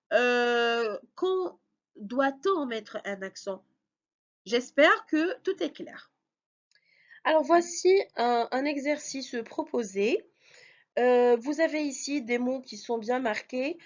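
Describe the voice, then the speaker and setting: A woman's voice: sits high, muffled recording. A woman teaching a spelling lesson, patient and methodical, explaining step by step. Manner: slow, patient, explains step by step with frequent "alors" and "d'accord". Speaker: French teacher.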